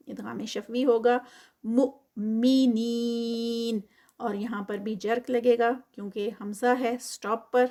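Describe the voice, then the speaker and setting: Fairly high-voiced woman teaching recitation. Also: darkish tone. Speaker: Quran teacher. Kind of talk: tajweed lesson with recitation.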